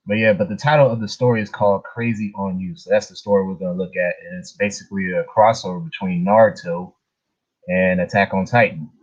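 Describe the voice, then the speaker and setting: A man hosts a casual livestream, chatting informally with viewers and chuckling between remarks. His low voice is fairly even in intonation, a little fast, with a breathy edge. The stream audio is dull, muffled and lo-fi.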